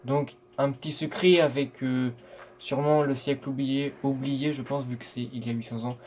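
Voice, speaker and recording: A man's voice: medium pitch, little pitch movement, a little mellow, slight background noise. Tired man stumbling through a read-aloud. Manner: reads aloud haltingly, stumbling over words. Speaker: manga reaction streamer. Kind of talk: live reading and commentary of a manga chapter.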